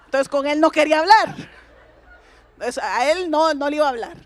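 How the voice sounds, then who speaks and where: A woman pastor in middle age delivers a sermon with a high, light voice. She speaks in a conversational, confiding way and draws her congregation in with personal stories. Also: lively intonation, fairly quick.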